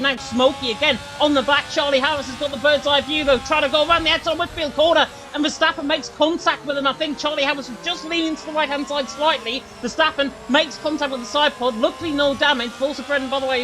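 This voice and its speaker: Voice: high-pitched, fairly even intonation, quick pace, few pauses, noisy background. A motorsport commentator giving urgent, running play-by-play of an esports race live.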